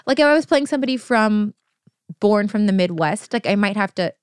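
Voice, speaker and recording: A woman's voice: medium pitch, brisk, smooth, no room sound, clean studio sound. Chatty young woman telling stories. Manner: animated storytelling, heavy use of "like". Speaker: podcast co-host; actor. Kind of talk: casual chat.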